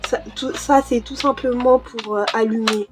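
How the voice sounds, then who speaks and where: Doing her nails during a relaxed home vlog, this young woman YouTuber, Cameroon-born and French-raised, hesitates often and fills her speech with fillers and restarts. Her pitch is fairly high, her tone steady, her speed normal. Faint music plays as she talks into a desk mic.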